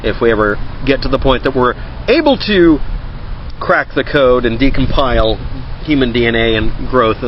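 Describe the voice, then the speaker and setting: A man in his fifties with a smoker's rasp, talking in a casual, wry, rambling way to his camera. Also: mid-range voice, lively intonation, moderate pace. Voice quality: raspy, like a smoker's cough. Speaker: vlogger. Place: outdoors by a fence and shrubs. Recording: muffled webcam audio with outdoor noise.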